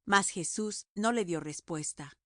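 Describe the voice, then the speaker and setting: A woman narrating a scripture audiobook in a measured, solemn reading. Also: on the low side, no room sound, clean studio sound.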